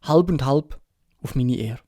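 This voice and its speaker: A Swiss German man voicing a sick, gruff old sea captain in an audiobook, urgent and pleading in rough sailor talk. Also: mid-range voice, unhurried, warm tone, no room sound, clean studio sound, close to an everyday voice. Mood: weary, earnest. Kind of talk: audiobook character reading.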